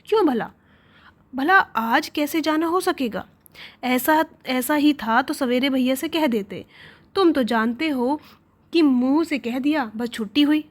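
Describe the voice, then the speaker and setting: An indignant young wife, stubborn and complaining, with a fairly high voice, as a woman reading a story aloud puts her on. She protests in quick, aggrieved bursts.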